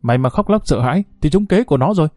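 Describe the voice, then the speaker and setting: Man playing a scolding young village woman, rapid, reproachful, higher pitch, mellow tone. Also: lively intonation, dry recording, soft background music, close to an everyday voice. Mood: urging.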